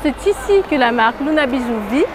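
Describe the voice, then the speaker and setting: A woman's voice: high-pitched, expressive, quick pace, over music. A woman hosting a vlog, interviewing a guest in a chatty, friendly, encouraging way. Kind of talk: casual interview.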